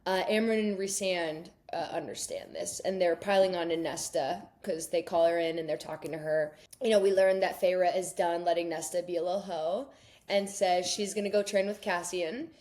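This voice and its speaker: A woman's voice: fairly low pitch, fairly even intonation, moderate pace, a little mellow. A young woman co-hosting a casual book club podcast, chatty, swearing freely and acting out quotes in little voices. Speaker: podcast co-host.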